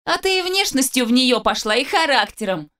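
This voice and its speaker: A woman's voice: big pitch swings, a little fast, pushed and bright, exaggerated voice. A woman voicing a smug, whiny young man in an audiobook, speaking in a sugary, sneering way. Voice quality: shrill, nasal whine. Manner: sugary, sneering, then wheedling. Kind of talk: audiobook narration.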